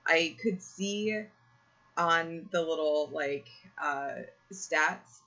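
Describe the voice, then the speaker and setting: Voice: mid-range voice, drawn-out words, sharp tone, lo-fi sound. A podcast host chatting casually over a home computer mic, rambling and correcting themselves, with a slightly strained, irritated throat. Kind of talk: casual chat. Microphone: own computer mic, live video call.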